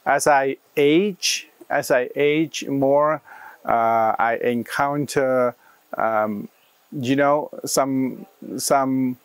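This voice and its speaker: A man in his fifties from Australia, telling his personal story in an interview outdoors, pausing often with fillers and restarts. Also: medium pitch, smooth, no room sound. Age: 50s. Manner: halting, many fillers and restarts. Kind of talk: reflective personal account. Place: outdoors in a leafy garden.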